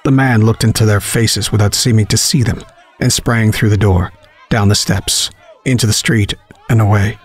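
A man narrating a horror story, reading in a measured, dramatic way. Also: fairly low pitch, steady tone, husky, a faint crowd.

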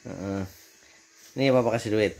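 A man's voice: lowish voice, a little slow, gravelly, a little mellow, a little hiss or hum. A man, a father playfully teasing his daughter in a casual family vlog, laughing often.

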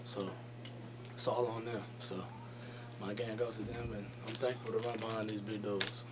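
A young man, a college running back, giving short, measured answers at a post-game press conference through a table microphone. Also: lowish voice, level tone. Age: young adult. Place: press conference room, indoors. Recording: noticeable background noise.

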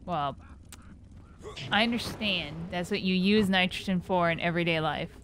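A woman's voice: fairly low pitch, moderate pace, a bit bright, a little hiss or hum. Dry-spoken woman giving game tips. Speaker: co-host guiding the player. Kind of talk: casual let's-play banter.

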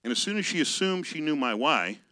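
A male pastor giving a conversational sermon, reading scripture slowly and telling personal stories. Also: fairly high pitch, animated, sharp tone, no echo, rough recording.

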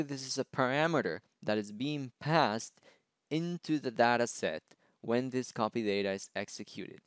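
Clear-voiced man explaining a tech screencast. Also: mid-range voice, no room sound. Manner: explanatory, frequent "right?" and "okay?" checks. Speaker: tech presenter. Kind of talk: screencast tutorial.

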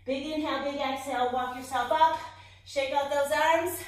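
A woman's voice: high-pitched, fairly even intonation, moderate pace, distant mic. Breathless fitness instructor woman, echoey room. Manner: cueing and counting reps while exercising. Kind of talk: workout instruction.

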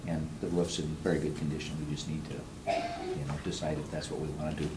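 A man's voice: a bass voice, flat delivery, fast. A man answering a board's questions about a roof in a matter-of-fact, reassuring way. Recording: echoey meeting room with hiss.

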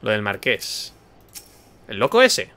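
A man's voice: lowish voice, wildly swooping pitch, takes it slowly, sharp tone. A man with an accent from Spain, a streamer joking and commenting playfully while he plays a video game. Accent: Spain Spanish. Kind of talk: casual gameplay commentary.

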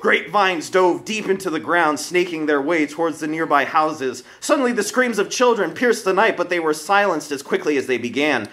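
A man tells a comic story in a high, bright, forceful voice, performing a script with the theatrical flair of a dramatic storyteller. His intonation is lively, his pace moderate, and he rarely pauses.

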